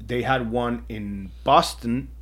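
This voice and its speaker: Husky Chilean-accented man, bright voice. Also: medium pitch, steady tone, takes it slowly. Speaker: co-host. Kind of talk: casual chat.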